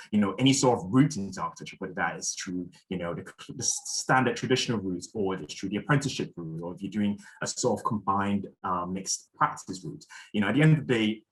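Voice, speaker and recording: A young man from Malaysia chairs a symposium and gives its opening talk. His voice sits a little low, and he speaks thoughtfully, pausing on fillers and restarting his sentences. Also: rough recording. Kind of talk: spoken conference introduction.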